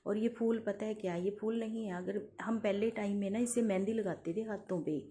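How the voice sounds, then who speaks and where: A woman's voice: mid-range voice, fairly even intonation, normal speed, mellow, a little hiss or hum. A woman chatting casually as she walks through village fields, filming on her phone and pointing things out as she goes. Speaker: vlogger. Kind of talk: casual walking vlog narration. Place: outdoors among village fields.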